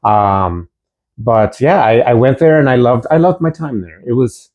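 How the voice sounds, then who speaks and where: Born in Mexico and raised in Houston, Texas, a man chats casually as an interview guest, easygoing and often restarting his sentences. His voice is medium-pitched and a little slow, and the sound is lo-fi.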